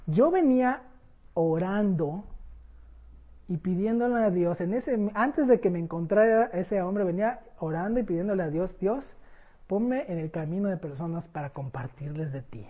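Husky-voiced woman preaching. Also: mid-range voice. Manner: conversational, animated storytelling. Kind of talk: sermon.

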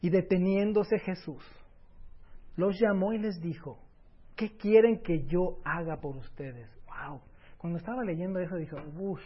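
A man preaching a sermon, swinging between loud emphatic lines and soft, near-whispered words. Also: on the high side. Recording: dull lo-fi recording.

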